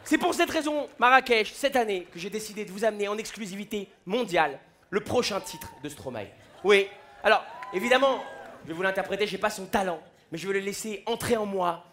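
A young male comedian tells stories on stage in a high, lively voice. He acts out his characters as he goes. A faint hum of the live venue sits under him. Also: a little fast. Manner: animated, acting out quoted voices. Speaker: stand-up comedian. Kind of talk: stand-up routine on stage. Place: large comedy festival stage. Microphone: stage microphone.

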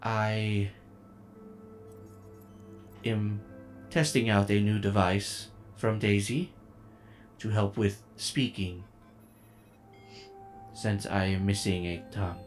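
A man's voice: lowish voice, little pitch movement, slow pace, pauses often, soft background music. A man doing a woman's robotic voice-box speech. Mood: formal. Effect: robotic synthesized voice. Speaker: game master. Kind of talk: narrating a tabletop game.

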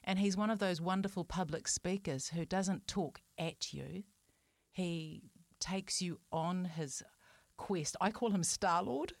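A woman with a Kiwi accent and a slightly low voice, recorded close and dry. She chats casually and tells things in a playful, informal way. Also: takes it slowly, gravelly, no room sound. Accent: New Zealand. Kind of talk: casual chat.

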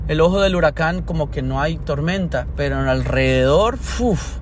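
A man's voice: a little high, background noise. Rambling man vlogging. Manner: rambling, thinking aloud with many restarts. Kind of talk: casual reflective monologue.

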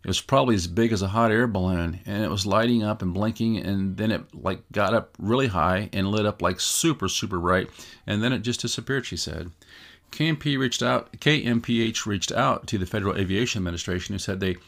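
A man's voice: on the low side, fairly quick, gravelly, a bit bright. A man hosting a show, giving casual, musing commentary and reading out articles in a conversational way. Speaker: host of a UFO news show.

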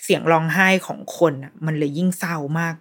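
Woman host, casual solo review, lower-pitched voice, chatty and animated with restarts. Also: quick pace. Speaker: podcast host reviewing a series.

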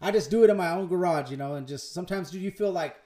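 A man's voice: high voice, fast talker, dark tone. A man hosting a casual podcast chat in a laid-back, slangy way. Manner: laid-back, slangy, calls listeners bro. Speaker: podcast host.

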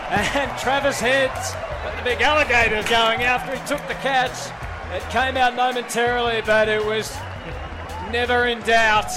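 A man giving live cricket commentary, projecting excited calls of the action. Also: unhurried, crowd noise. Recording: broadcast highlights with music underneath. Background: music.

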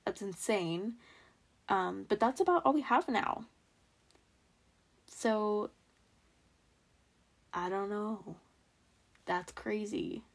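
A woman's voice: medium pitch, very animated, extremely slow, vocal fry, long pauses. A young American woman hosting a true crime podcast alone in a casual, self-deprecating way, with some trouble pronouncing her R sounds. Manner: informal, self-deprecating asides. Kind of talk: casual solo podcast storytelling from notes.

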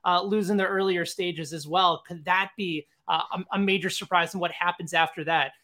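A man's voice: high voice, fairly even intonation, moderate pace, sharp tone. A man hosting a sports talk show, asking long conversational questions with plenty of fillers. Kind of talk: interview questions.

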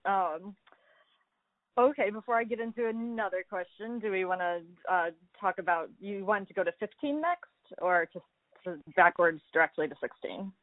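A woman's voice: mid-range voice, expressive, moderate pace, dry recording. A woman hosting a casual wine interview, easygoing and laughing often as she asks her questions. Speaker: podcast host. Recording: thin phone-like line, dry.

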